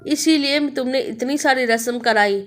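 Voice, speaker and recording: A woman voicing a tall veiled witch from a cremation ground, loud and mocking in a storybook tale. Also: high voice, normal speed. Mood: taunting. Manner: loud, cackling, taunting.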